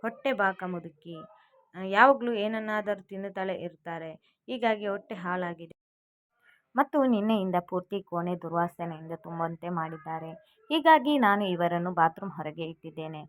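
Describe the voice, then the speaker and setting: A woman's voice: on the low side, normal speed, natural voice. A woman voicing a cruel, dismissive sister-in-law who speaks with contempt and claims the house as her own. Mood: scornful. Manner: dismissive and bossy.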